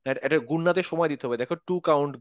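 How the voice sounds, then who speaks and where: A man's voice: a little high, racing, clear, resonant tone, no echo, lo-fi sound. A man teaching Quran recitation rules in an online class, patiently explaining step by step. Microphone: video call.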